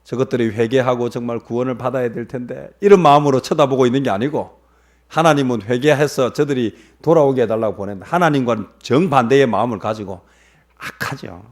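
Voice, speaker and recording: A man's voice: mid-range voice, a little fast. Emphatic male pastor preaching. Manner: emphatic, swinging between loud and hushed; rhetorical questions to the congregation. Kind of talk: sermon.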